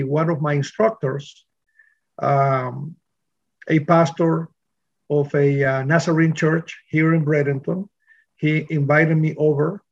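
A middle-aged man from Honduras, a pastor telling his testimony in an interview, earnest and full of pauses and restarts. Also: a little high, muffled recording. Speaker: pastor, guest.

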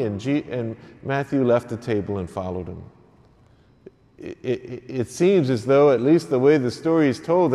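Priest preaching in a cathedral echo. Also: male voice, medium pitch, darkish tone. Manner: earnest, plain-spoken preaching with easy repeats. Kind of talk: gospel reading and homily at Mass. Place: church during an early morning Mass. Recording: long echoing church reverb.

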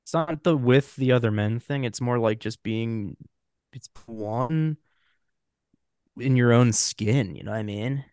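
A man's voice: mid-range voice, unhurried, darkish tone, no echo, studio quality. A man in his thirties co-hosting a podcast in casual chat, rambling and joking, often correcting himself mid-sentence. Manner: rambling, jokey, self-correcting. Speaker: podcast co-host.

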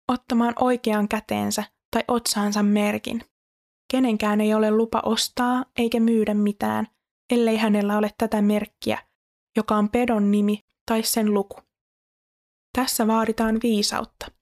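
A woman reading scripture aloud in a steady, measured recitation. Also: mid-range voice.

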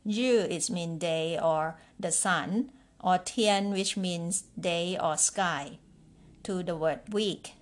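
Slow-paced woman teaching a language lesson. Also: lowish voice. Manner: deliberate, enunciated, repeats words for learners; instructional, addresses listeners with prompting questions. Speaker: language teacher and podcast host. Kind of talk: scripted language lesson for learners.

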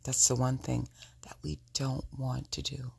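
A woman hosts a reflective solo podcast in a sultry, intimate manner. Her voice is husky and gravelly, full of creak. She takes her time, speaking slowly and directly to her listeners. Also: extremely low pitch, flat delivery, warm tone. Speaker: podcast host.

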